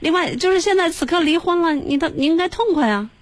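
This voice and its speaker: A woman's voice: extremely high pitch, lively intonation, fast talker, no room sound. A woman hosting a call-in advice show, speaking bluntly and scolding with rhetorical questions. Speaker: radio advice host.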